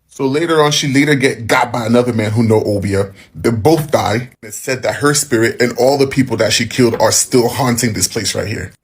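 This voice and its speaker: A man giving casual, slangy storytelling commentary in a husky voice. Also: medium pitch, fairly quick, hardly any pauses. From Haitian background.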